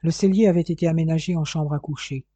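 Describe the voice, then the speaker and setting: Dark-voiced male audiobook narrator. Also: a little high, steady tone, fast, no room sound. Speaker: audiobook reader. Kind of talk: scripted narration.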